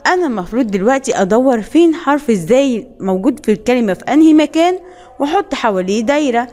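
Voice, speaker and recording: An Egyptian woman teaching kindergarten children the letters, drawing out each sound and word slowly. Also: on the high side, lively intonation, darkish tone, soft background music. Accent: Egyptian Arabic. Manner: slow, drawn-out sounding of letters and words. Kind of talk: children's phonics lesson.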